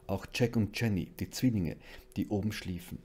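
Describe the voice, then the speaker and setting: A man reading a horror audiobook aloud in a measured, suspenseful narration. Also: lowish voice, darkish tone, breathy edge. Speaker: audiobook reader.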